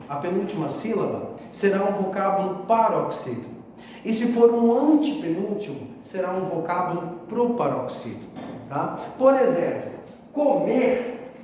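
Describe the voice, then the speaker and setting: A man's voice: sits high, a little mellow, a little hiss or hum. Man, teacher, friendly chatty lesson, phone recording, heavy room echo, long reverb tail. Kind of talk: casual video lesson. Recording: echoey hall-like room, phone held off at a distance.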